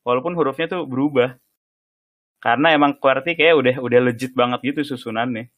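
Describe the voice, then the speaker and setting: A man's voice: mid-range voice, fast talker, dry recording, dull audio. A young man hosting a casual chat, joking and slipping into mock-formal asides. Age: young adult. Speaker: host.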